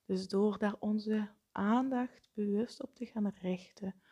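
Slow, husky-voiced woman guiding meditation. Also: medium pitch, fairly even intonation. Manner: slow, soft-spoken, often breathy and whispered. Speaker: meditation guide. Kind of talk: guided meditation.

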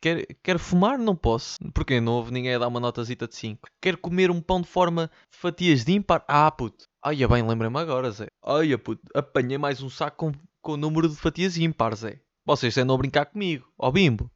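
A man with a slightly high voice and lively intonation talks a little fast, hardly pausing, on his solo podcast recorded in his bedroom. He has a European Portuguese accent and rambles and jokes with lots of Lisbon slang and swearing. The sound is dry and lo-fi, from a studio mic that is sometimes off-axis.

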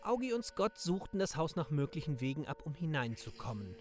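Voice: mid-range voice, sing-song, brisk, music in the background. A narrator telling a comedy audio play in scripted narration.

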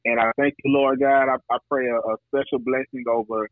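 Over a thin phone connection, a man prays briskly and flatly in a medium-pitched voice, with no room sound. The podcast guest, an entrepreneur, preaches insistently and repeats phrases to drive them home.

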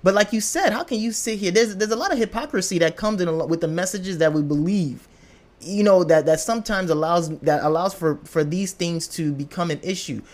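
A man's voice: sits high, brisk. A man in a casual podcast conversation, speaking reflectively, searching for words and often affirming the other speaker.

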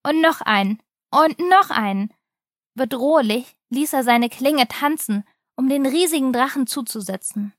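A woman reading a children's advent story aloud in a calm, steady storybook manner. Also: sits high, a little slow, no room sound, studio quality.

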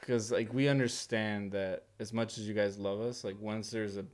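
A man's voice: on the low side, fairly even intonation, moderate pace, background noise. A man in his thirties, a father and podcast co-host, in a casual chat, talking animatedly and laughing often as he acts out voices.

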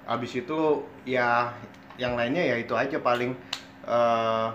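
A man's voice: mid-range voice, fairly even intonation, unhurried, a bit bright. A man with a Jakarta accent in a casual chat, speaking frankly and crudely in slangy speech peppered with "bro". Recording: roomy echo, muffled, faint background noise.

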